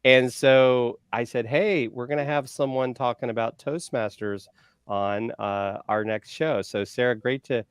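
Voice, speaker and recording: A man in his forties co-hosting a casual online show, chatty and upbeat, giving shout-outs with lots of fillers. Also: medium pitch, fairly even intonation, unhurried, smooth, no room sound, studio quality. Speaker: co-host.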